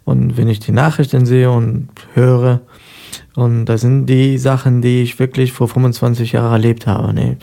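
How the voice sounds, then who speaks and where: Gravelly, dark-voiced man from Afghanistan. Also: medium pitch, flat delivery, normal speed. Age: 30s. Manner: hesitant, many fillers. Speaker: radio guest. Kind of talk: casual interview talk.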